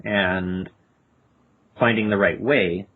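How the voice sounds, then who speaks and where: A man narrating a tabletop game as game master, halting and repeating words as he describes the scene. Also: sits low, fairly even intonation, husky. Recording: tinny phone-like podcast audio.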